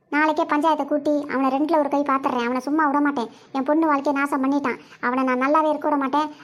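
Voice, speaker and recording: A woman's voice: sits high, a bit bright. A woman playing a middle-aged mother who wails and lashes out in melodramatic lament. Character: wailing middle-aged mother, fiercely vengeful.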